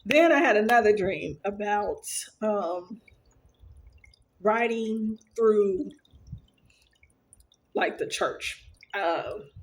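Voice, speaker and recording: A woman's voice: mid-range voice, animated, extremely slow, pauses often, slight background noise. A woman vlogger casually telling a story to the camera, rambling, earnest, and full of fillers and restarts. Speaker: vlogger sharing her dreams.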